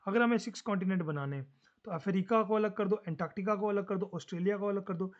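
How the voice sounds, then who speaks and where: A man teaching a social studies lesson fast and casually, mixing Hindi with English terms. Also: high-pitched, highs cut off.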